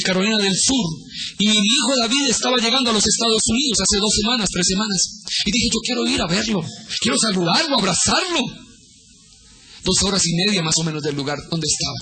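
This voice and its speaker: A man preaching a sermon to his congregation, asking them questions and dropping to a low, hushed voice when he retells events. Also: low-quality recording. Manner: swings between raised emphatic lines and low hushed retellings. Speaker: pastor.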